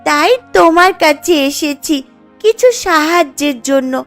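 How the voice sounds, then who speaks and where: Over background music, a woman with a high, fairly bright voice speaks unhurriedly as a poor, earnest village girl pleading in a children's cartoon story.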